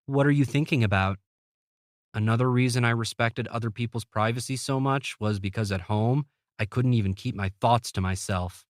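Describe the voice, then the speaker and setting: A man's voice: mid-range voice, fairly even intonation, moderate pace, hardly any pauses, dry recording. A man narrating a novel in the first person, with a wry, dry sense of humor. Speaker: audiobook narrator.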